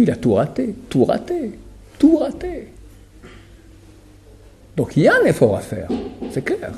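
A man's voice: medium pitch, creaky, mellow, slight background noise. A middle-aged man teaching a sermon to a small audience, emphatic and repetitive, dropping to murmurs then rising again. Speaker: religious teacher.

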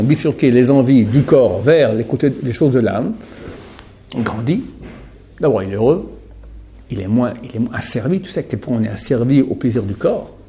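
A man's voice: mid-range voice, warm tone, slight background noise. A middle-aged man teaching a sermon to a small audience, emphatic and repetitive, dropping to murmurs then rising again. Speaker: religious teacher.

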